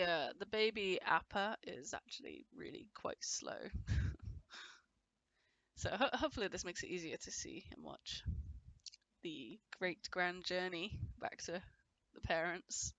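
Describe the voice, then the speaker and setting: A woman with a cold, which makes her voice a bit off, narrates her gameplay casually in a let's-play commentary. She's chatty and rambling and restarts often. Her voice is lowish and a bit bright, with no echo.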